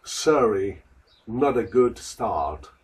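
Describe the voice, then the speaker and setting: A man slowly and carefully repeating lines for a language lesson. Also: on the low side, sing-song, recorded from a distance, noisy background. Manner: slow, careful, repetitive. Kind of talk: slow repeat-after-me drills.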